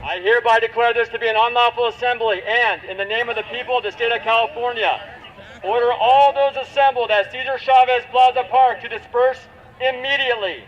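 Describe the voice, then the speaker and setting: A man's voice: very high-pitched, fairly even intonation, a little fast, fairly bright tone, lo-fi sound. A man, a police officer, reads a stern, formal dispersal order amplified through a blasting sound cannon outdoors at a street protest.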